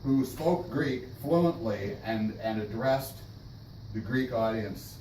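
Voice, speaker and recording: A man leading a casual church class discussion, thoughtful and halting, with many restarts. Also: medium pitch, mellow. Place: church meeting room. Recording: echoey room, distant mic, noisy.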